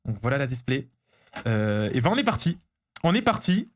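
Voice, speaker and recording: A man streaming live as he opens trading cards, chatting casually, getting excited and answering his chat. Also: medium pitch, normal speed.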